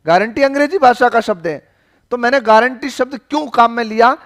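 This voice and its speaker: A male teacher lectures in a fairly high voice. He keeps questioning the class, repeating each question until someone answers. He teases the students with jokes along the way. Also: fairly quick, fairly bright tone. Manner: joking, questioning.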